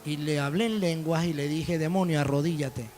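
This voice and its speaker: A man's voice: on the high side, moderate pace, a little mellow, slight background noise. A man preaching a sermon as pastor, telling stories and acting out dialogue. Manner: storytelling preacher, quoting dialogue.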